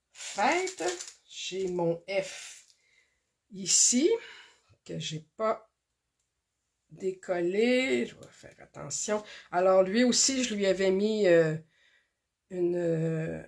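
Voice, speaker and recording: A woman hosts a card-making tutorial, talking slowly and carefully through each step with many pauses and fillers. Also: lowish voice, darkish tone. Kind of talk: casual craft demonstration.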